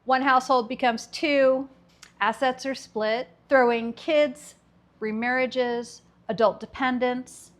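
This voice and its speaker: Speaking slowly and steadily in a high-pitched voice, this host in her fifties works through a scripted commentary monologue. Her humor is dry and sarcastic, with laughter breaking in between the jokes.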